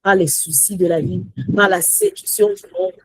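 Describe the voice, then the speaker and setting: A woman teaching a Bible study in a lively, animated way, mixing in English phrases, sometimes near-shouting with joy, then dropping low and soft. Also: normal speed, husky, dry recording, rough recording. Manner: rises to joyful near-shouts, drops to soft low asides.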